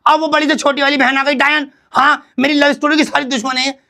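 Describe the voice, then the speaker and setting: A man playing a brash, bossy young woman who scolds her older sister loudly in a comic sketch. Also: very high voice, flat delivery, brisk, heavily acted. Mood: sweet-talking. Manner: loud, scolding, theatrical.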